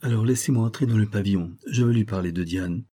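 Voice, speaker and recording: Gruff old general, worried dad, low husky voice, as a man reads him. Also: quick pace, mellow, close to an everyday voice. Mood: urgent. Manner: emphatic, exclaiming. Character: old gruff male general, anxious father.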